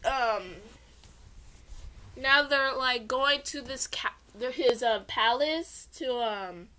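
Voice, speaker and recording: Reading her own story in a casual, chatty read-along, this young amateur narrator keeps drifting into informal, self-deprecating tangents. She speaks slowly with a high, bright voice and a forceful tone.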